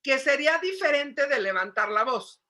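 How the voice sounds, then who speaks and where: A woman psychologist giving a lively lecture to parents, asking the audience questions and acting out shouting. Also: high-pitched, normal speed. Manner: animated, asks the audience questions, acts out shouting.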